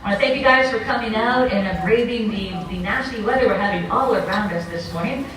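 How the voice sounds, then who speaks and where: A woman's voice: mid-range voice, fast, background noise. A woman announcing a live animal show to a crowd as an upbeat presenter. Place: outdoor horse show arena, heard over loudspeakers. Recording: very echoey distant PA, music behind.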